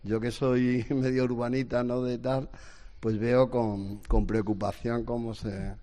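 Speaking a little slowly in a mellow, level mid-range voice, this guest, a man from Spain in his sixties, wanders through family stories. The casual chat is hesitant and rambling, full of restarts.

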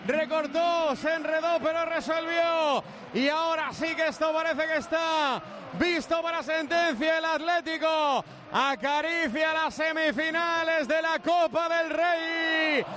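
A man with a Spain Spanish accent doing breakneck football goal commentary, shouting fervently and stretching out repeated words. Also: very high voice, fairly even intonation, measured pace. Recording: loud background noise on live broadcast.

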